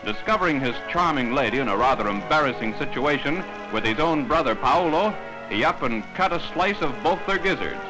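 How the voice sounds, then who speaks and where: A man reads a 1940s wartime newsreel in a slightly raised register, brisk and fond of wisecracks. His delivery is polished, scripted announcer narration. A music score plays clearly underneath him. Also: on the high side, low-quality recording.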